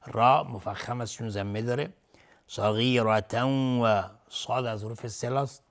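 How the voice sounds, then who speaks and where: A man teaching Quran recitation, chanting verses slowly and melodically, then explaining the rules in quick, lower speech. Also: fairly even intonation, gravelly. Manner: melodic slow chanting, then rapid low-voiced explanations.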